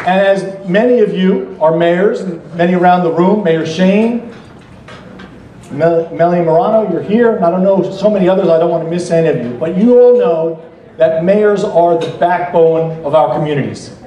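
Here a middle-aged American man delivers a formal introduction for the keynote speaker at a political gala, earnest and measured with a few light jokes. His voice sits high and has a warm tone. He stands at a banquet hall podium, and the podium microphone, filmed from across the room, gives a far-off, echoey sound.

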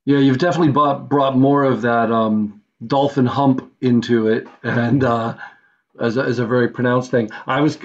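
A man's voice: mid-range voice, highs cut off. A man hosting a carving session on a video call, thinking aloud and rambling with frequent restarts. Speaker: host of a carving challenge. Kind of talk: casual video-call discussion.

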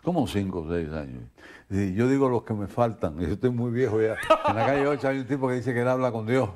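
An older man answering interview questions in a relaxed way and telling short anecdotes. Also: mid-range voice, quick pace.

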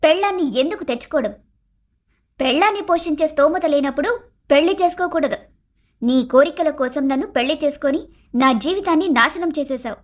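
A woman voicing a discontented young wife in an animated story, who complains, taunts and shouts at her husband. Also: high voice, fairly quick. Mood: complaining. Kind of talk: animated cartoon story voice acting.

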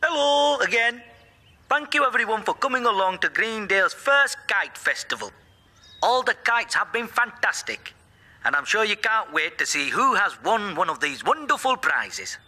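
High-pitched cheerful festival announcer. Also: male voice, big pitch swings, moderate pace, pushed and bright, exaggerated voice. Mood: proud, welcoming. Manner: upbeat public-announcement delivery. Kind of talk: children's stop-motion cartoon acting.

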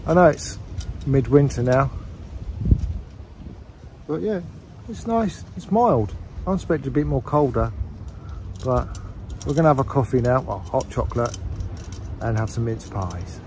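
This outdoor vlogger and channel host chats and rambles while walking through winter woodland, laughing often in a casual walk-and-talk vlog. His mid-range voice is animated yet a little slow, with frequent pauses and a darkish tone. A camera mic on a stand outdoors picks up wind noise.

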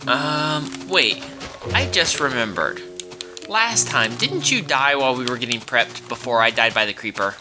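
Over music, a man gives casual let's-play commentary on a video game he's playing with his child, chatting and exclaiming as he thinks aloud. His mid-range voice is animated but unhurried.

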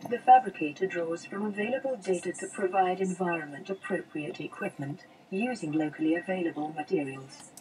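A woman voicing a calm, gentle female computer assistant in a game, making measured, clinical announcements. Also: on the low side, close to an everyday voice, rough recording. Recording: game audio with clear background noise.

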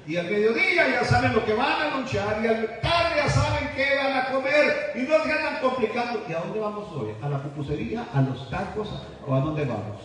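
A pastor, preaching a sermon and acting out stories with lively dialogue. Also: male voice, moderate pace, hardly any pauses, a little hiss or hum. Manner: animated storytelling, acting out dialogue with big swings in pitch. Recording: echoey church hall, mic at a distance.

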